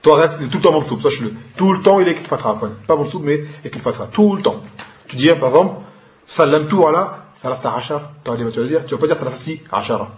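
A man's voice: on the high side, expressive, racing. A man teaching an Arabic grammar lesson, explaining patiently and mixing in Arabic terms. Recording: echoey room, dull lo-fi sound.

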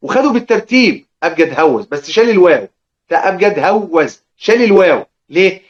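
A man's voice: high voice, fast, highs cut off. A man with an Egyptian accent teaching a religious lesson, asking his students questions and answering them himself. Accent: Egyptian Arabic. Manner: lively, asks and answers his own questions. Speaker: Quran recitation teacher.

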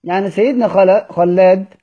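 A man's voice: high-pitched, brisk, dull audio. A man with an Egyptian accent teaching a class on Quran recitation, repeating key phrases and asking his students questions. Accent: Egyptian Arabic. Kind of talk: lecture explaining recitation verse.

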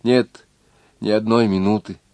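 A devoted young noblewoman in love, speaking with fervent tenderness, as a deep-voiced male reader puts her on. The sound is close and dry, with no room around it. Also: moderate pace, no echo, lightly acted. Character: young noble woman, devoted, passionate lover. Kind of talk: audiobook reading of a novel.

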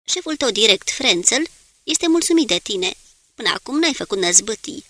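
A woman reading a calm, middle-aged male naval commander who speaks in a measured, gently authoritative way. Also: high-pitched, no echo, full character voice. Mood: calm, firm.

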